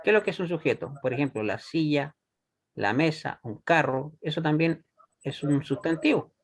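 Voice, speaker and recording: A man teaching a Hebrew class, patient and deliberate, often checking that students follow. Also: on the high side. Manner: patient, checks understanding with frequent "¿ya?"; slow and deliberate, repeats words for students. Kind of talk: classroom lesson.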